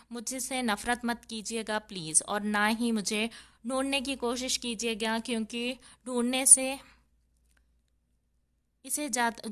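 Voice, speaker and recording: A woman's voice: a little high, a bit bright, smooth, lightly acted. A woman voicing a desperate young woman who pleads tearfully to escape a forced marriage.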